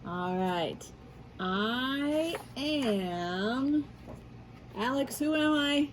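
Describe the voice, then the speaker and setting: Reading a picture book aloud from her back porch, a school media specialist talks to children in a patient, teacherly way during an outdoor read-aloud lesson. Her high voice is animated but extremely slow, and there's slight background noise.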